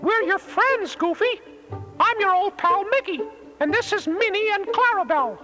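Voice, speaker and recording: A man voicing a small cheerful male cartoon mouse in a squeaky falsetto, narrating and acting in a storybook read-along. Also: expressive, moderate pace, pushed and bright, exaggerated voice. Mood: earnest. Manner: earnest, friendly, clear storytelling. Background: music.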